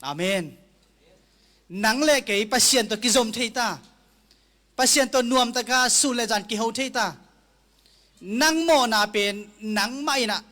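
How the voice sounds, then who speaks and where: A man preaching a sermon slowly and deliberately, sometimes closing a thought with an amen. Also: extremely high pitch, sharp tone. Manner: slow, deliberate preaching with frequent amens.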